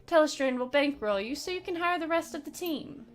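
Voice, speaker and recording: A woman's voice: high-pitched, animated, a little fast, pitched above the performer's own voice. Woman reading as a playful teasing elf. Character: flamboyant teasing male elf, Harlequin. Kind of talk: reading game dialogue aloud.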